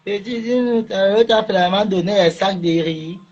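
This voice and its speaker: Guy mocking someone on a live, husky high voice, muffled lo-fi sound. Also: normal speed. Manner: taunting, repeats questions, rising to shouts. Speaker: social media livestreamer. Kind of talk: mocking livestream rant.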